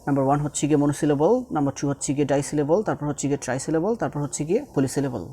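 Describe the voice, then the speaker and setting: Guy teaching grammar on youtube, soft mellow voice, says every rule twice. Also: fairly high pitch, fairly even intonation, a little hiss or hum. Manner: repeats each rule slowly, mixing Bengali and English.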